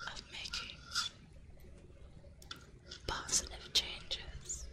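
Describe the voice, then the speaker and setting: Slow whispering ASMR woman. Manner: soothing, encouraging, slow and deliberate. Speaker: ASMR streamer.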